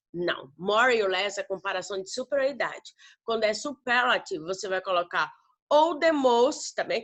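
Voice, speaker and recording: A woman's voice: on the high side, a bit bright. A woman from Brazil teaching an English grammar lesson in Portuguese, explaining patiently and checking in with the students after nearly every step. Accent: northern Brazilian Portuguese. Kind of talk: recorded classroom lesson.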